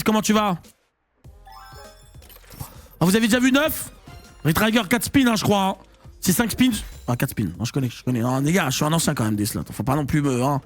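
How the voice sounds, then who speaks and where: A man commentating his live slot-machine stream, slangy and excitable, swinging between low muttering and loud hype. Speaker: online casino streamer.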